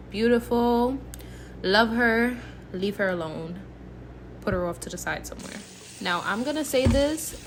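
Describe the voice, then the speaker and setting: A woman of Haitian background, a home cook and recipe vlogger, gives a casual, playful cooking tutorial, chatting informally to viewers as though they were friends. Her voice is fairly low, with noise in the background.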